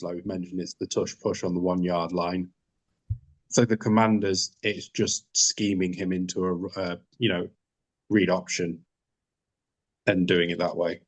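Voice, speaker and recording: A man from the UK co-hosting a podcast in casual chat, laid-back with brief answers. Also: low voice. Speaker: podcast co-host.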